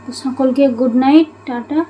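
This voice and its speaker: A chatty woman talks to her viewers in a home vlog, her voice sitting high. Faint room noise hums behind her. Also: steady tone, normal speed, dark tone, rough recording. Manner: chatty, addresses viewers as friends. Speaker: lifestyle vlogger. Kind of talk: casual home vlog chat. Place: home at night.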